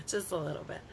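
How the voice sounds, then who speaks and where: A woman from Tennessee talks into her phone on a home live stream. She chats in a rambling, friendly way and answers her viewers as she goes. Her voice is bright and forward, with a faint hiss of room noise behind it. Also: medium pitch. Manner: chatty and rambling, laughs often, reacts to viewer comments. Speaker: beauty vlogger hosting a live stream. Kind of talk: casual live-stream chat.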